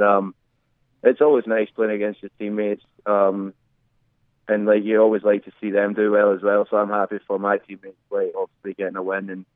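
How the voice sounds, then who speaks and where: A man's voice: lowish voice, no echo. A young man with a thick Scottish accent giving a casual interview as a soccer player over the phone. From Scotland. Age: young adult. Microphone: phone call. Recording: tinny, narrow phone line.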